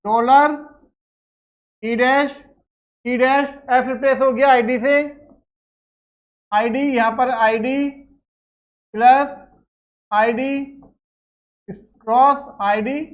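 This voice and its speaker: Woman teacher, slow careful lecture, high voice, muffled lo-fi sound. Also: steady tone. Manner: explains step by step, checks with "clear?". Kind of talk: classroom lecture.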